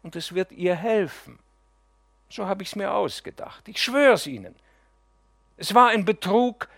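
A man's voice: fairly high pitch, no room sound, studio quality, voice pushed up, exaggerated voice. A man reading an audiobook, voicing a deceitful, self-pitying nephew who pleads and wheedles.

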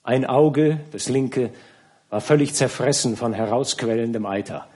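A man reading a classic novel aloud as an audiobook narrator, measured and grave. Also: medium pitch, warm tone.

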